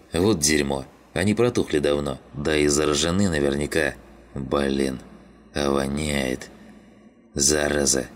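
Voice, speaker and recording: A man voicing a gruff, bossy male scavenger leader who swears and barks orders. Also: very deep voice. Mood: angry, disgusted. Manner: rough, swearing, barking orders.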